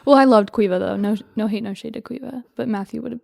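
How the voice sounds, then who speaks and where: A young woman guest on a podcast, telling a story in a lively, chatty way with plenty of fillers and laughs. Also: on the high side, fast talker, vocal fry, dry recording, studio quality. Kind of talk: casual interview chat.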